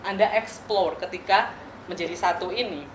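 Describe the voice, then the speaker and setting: A woman's voice: fairly low pitch, moderate pace, slight background noise. A woman pastor delivering a wedding sermon, explaining her points with rhetorical questions and light playful asides. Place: church or wedding venue. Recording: echoey venue with faint ambience.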